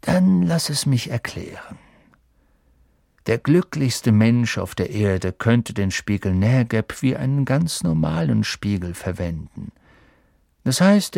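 A man voicing a kindly, wise old male wizard who speaks softly and unhurriedly, often close to a whisper, in a storybook reading. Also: mid-range voice, very animated, slow, creaky, no room sound, voice pushed up, full character voice. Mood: gentle.

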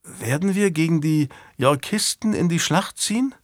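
Male reader playing a young, polite squire: earnest, respectful, voice pitched up. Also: lively intonation, normal speed, no room sound, clean studio sound, close to an everyday voice. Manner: courteous, worried.

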